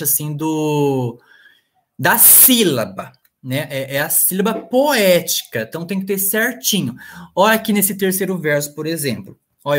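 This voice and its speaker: A man's voice: fairly high pitch, a bit bright. A male literature professor giving a live online lecture over a computer mic, hesitant and full of fillers and restarts.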